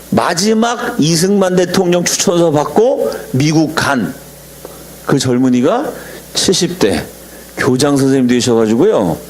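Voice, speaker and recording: A middle-aged man, a pastor, preaching a lecture-style sermon, telling stories animatedly and acting out quotes in sudden high shouts. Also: slight background noise.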